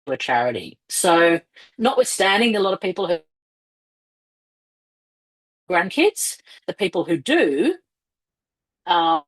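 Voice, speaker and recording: A low-voiced woman presents on a video call through a headset. Her audio keeps breaking up and dropping out over a bad connection. She talks with plenty of fillers and restarts. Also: big pitch swings, unhurried, slightly rough, low-quality recording. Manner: explanatory, with frequent fillers. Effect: choppy, breaking-up internet call audio. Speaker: fundraising presenter. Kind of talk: online webinar presentation.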